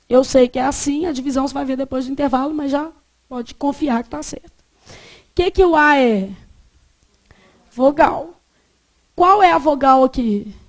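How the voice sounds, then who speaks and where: Brazilian woman, teacher, high voice, classroom lesson that quizzes the students as it goes. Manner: quizzing students with repeated check questions. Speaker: Portuguese teacher.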